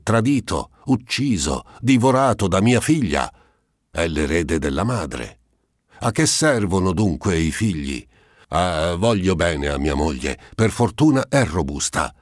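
A man's voice: extremely low pitch, no room sound, studio quality. A man voicing an old miserly male vintner who is anxious and grasping, with agitated, lamenting exclamations.

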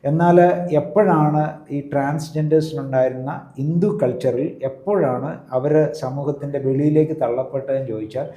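Teacherly man with a dark, roomy voice. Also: medium pitch, steady tone, moderate pace. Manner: teacherly, checks with questions. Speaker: priest. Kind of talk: explanatory interview talk. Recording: roomy echo.

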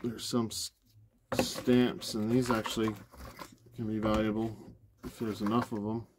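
Recorded on a noisy body-mounted camera, a man who resells storage units unpacks boxes inside a cargo trailer and talks it through offhandedly, using fillers as he thinks aloud. His voice sits on the low side, level in tone and a little slow.

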